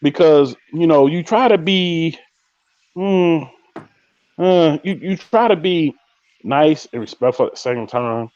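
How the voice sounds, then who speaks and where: A man hosting a live podcast, chatting casually and telling stories in a slangy, animated way, acting out quoted lines. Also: a little high, slow pace, dull audio. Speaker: podcast host. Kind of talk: casual live-stream chat.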